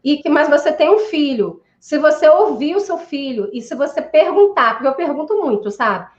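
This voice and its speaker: A woman in casual conversation who explains her ideas thoughtfully and often pauses to hesitate. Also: high-pitched, expressive, a little mellow. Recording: echoey muffled room sound.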